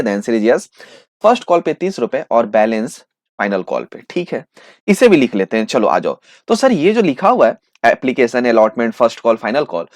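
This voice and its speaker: A man teaching an accountancy exam revision lesson, asking questions and answering them himself in a student's voice, drawing out each answer with slow emphasis. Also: a little high, no room sound, studio quality. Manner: plays both teacher and student in a back-and-forth.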